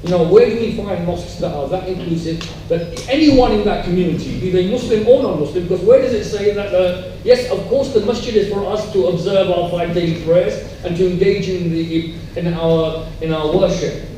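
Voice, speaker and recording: A mellow, high-pitched man talks at normal speed with hardly any pauses, answering earnestly and emphatically on a community-talk panel and restating his key points. Sound is distant and heavily echoed in the big event hall, with a little noise.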